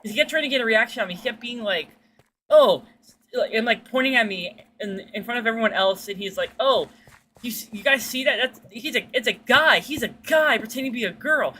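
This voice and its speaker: A woman with a bright, forward, fairly deep voice streams a game and tells loose, rambling stories to her viewers. She speaks fairly quickly, leans on slang and the occasional swear word, and acts out quotes. Faint background noise can be heard.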